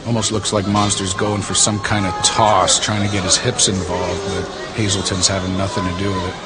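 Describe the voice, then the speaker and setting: Low-voiced man calling a fight. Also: level tone, brisk. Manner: colloquial, conversational. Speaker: fight commentator. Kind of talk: casual live sports commentary. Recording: loud music behind commentary.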